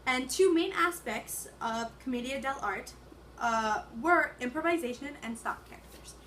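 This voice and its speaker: A woman's voice: high voice, expressive, unhurried, a bit bright, slight background noise. A young woman giving a casual, hesitant class presentation, with many fillers. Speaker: student presenter.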